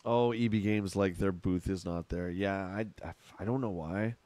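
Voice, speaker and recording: His voice sits low and a bit mellow, moving at an ordinary speed in a dry recording. He's a middle-aged man with a Canadian accent on a home live stream, rambling casually and responding to his chat while he games.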